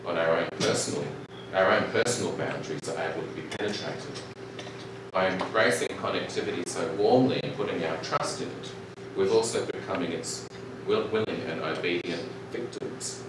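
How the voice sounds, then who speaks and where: A middle-aged man giving a conference keynote from a podium in a large lecture hall, talking in a measured, reflective way with occasional ums and restarts. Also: low voice. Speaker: keynote speaker. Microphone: podium mic, recorded by far camera. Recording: echoey hall from far off, loud noise.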